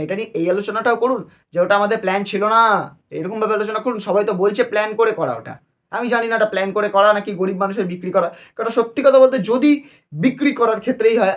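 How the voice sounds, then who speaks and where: Indignant male commentator with rhetorical questions. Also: very high-pitched. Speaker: channel host. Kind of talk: news commentary video.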